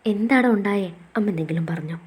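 A woman voicing a caring young husband who speaks softly and coaxingly. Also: medium pitch, animated, fast, husky. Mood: worried. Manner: soft, coaxing.

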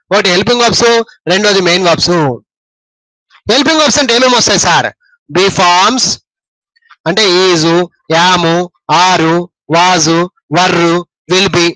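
A man with a Telugu accent teaching an English grammar lesson. He explains slowly, repeats words and keeps quizzing his listeners. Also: sits high, sharp tone, no echo, poor audio.

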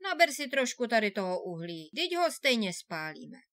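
A woman's voice: a little high, sing-song, a bit bright, no echo, studio quality. A woman reading a fairy tale, voicing a bald, gray-bearded old spirit who gives solemn advice.

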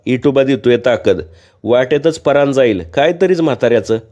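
A man voicing a sharp-tongued young village woman who scolds in a tart manner. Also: medium pitch, moderate pace, close to an everyday voice. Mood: scolding.

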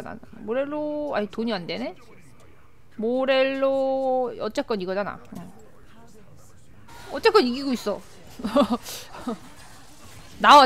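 A young woman streaming a game live, chatting with viewers, often repeating words in rapid excited bursts. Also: high voice. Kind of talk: live gameplay commentary.

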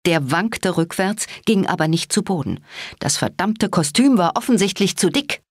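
A woman narrating an audiobook in the first person, with dramatic, lively storytelling. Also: lowish voice, moderate pace, no room sound, studio quality.

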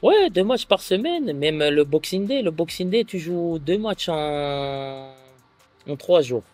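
A man in his thirties from France, a footballer guest chatting casually on an outdoor terrace, relaxed and full of filler phrases. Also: fairly high pitch, slow, faint music behind. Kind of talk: casual interview chat.

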